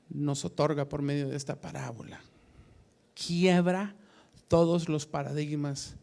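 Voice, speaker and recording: A man delivers a Bible study sermon as a pastor. His delivery is slow and emphatic, full of deliberate pauses. His voice is gravelly and mellow, set a little high for a man.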